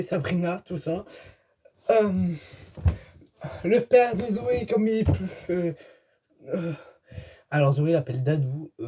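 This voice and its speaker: A man's voice: high-pitched, mellow, slight background noise. A man giving a casual, rambling video review to his viewers, chatty and hesitant, filmed indoors at home. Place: indoors at home, dim light.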